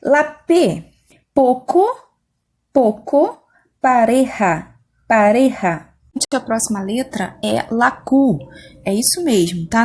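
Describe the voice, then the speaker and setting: A woman's voice: on the high side, mellow, breathy edge. A woman with a Brazilian Portuguese accent explaining a language lesson patiently, often checking in with her students. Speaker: Spanish teacher.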